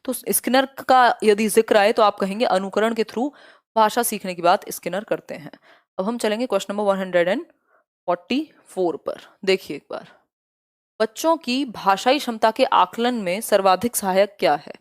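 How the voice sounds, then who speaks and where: Woman teacher, live online class, reads questions slowly, direct and scolding. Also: medium pitch.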